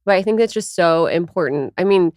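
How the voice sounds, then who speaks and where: A woman's voice: lowish voice, lively intonation, a little fast, a little mellow, no room sound, clean studio sound. A woman in her thirties co-hosting a casual conversational interview. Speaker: podcast co-host.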